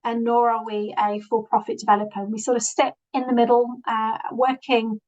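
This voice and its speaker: A woman's voice: on the high side, little pitch movement, moderate pace, darkish tone, muffled recording. Yorkshire woman presenting on a video call. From England. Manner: earnest, many fillers and restarts. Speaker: guest presenter. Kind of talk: online presentation.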